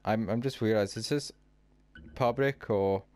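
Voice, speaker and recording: A man's voice: fairly low pitch, a little slow, a little mellow. A man hosting his gaming channel, chatting in a laid-back, easygoing way with a friend while they play. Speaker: channel host. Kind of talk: casual gameplay chat.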